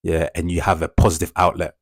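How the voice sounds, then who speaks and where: Man, very low voice, dry close sound, motivational talk, emphatic, repetitive. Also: level tone, fast, no echo. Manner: emphatic, repetitive, peppered with "yeah" and "bro". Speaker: self-improvement speaker.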